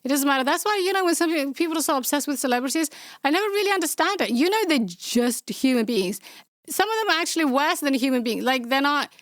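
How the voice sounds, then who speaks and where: A young adult woman from Somalia hosts a casual podcast, fielding viewer questions in a blunt, outspoken manner with sarcastic deadpan asides. She speaks fast in a high, Somali-accented voice, with studio-quality sound and no echo.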